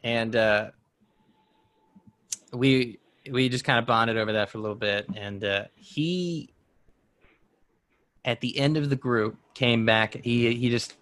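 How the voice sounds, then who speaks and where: Guy in his 20s, bright tense voice, rambles and laughs at himself, dry sound. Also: mid-range voice, takes it slowly, long pauses, no room sound. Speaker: podcast co-host. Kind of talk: casual chat.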